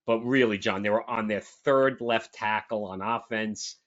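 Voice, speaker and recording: A man's voice: on the low side, steady tone, unhurried, a bit bright. A man co-hosting a sports talk show, chatting casually and emphatically with lots of restarts. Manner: rambling, emphatic, frequent restarts. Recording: dull lo-fi audio.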